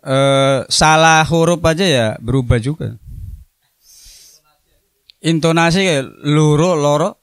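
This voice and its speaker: Slow, smooth-voiced teacher. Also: male voice, a little high, a bit bright, no echo. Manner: explains word by word, drifts into playful asides on word meanings. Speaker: religious teacher at an Islamic boarding school. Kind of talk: classroom lecture explaining a religious text.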